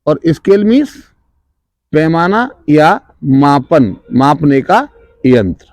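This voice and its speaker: A man's voice: on the high side, sing-song, slow pace, darkish tone, no echo. A man giving a classroom lecture as a trainer, asking the class questions, answering them himself and repeating key words. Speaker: trainer at a rural self-employment institute.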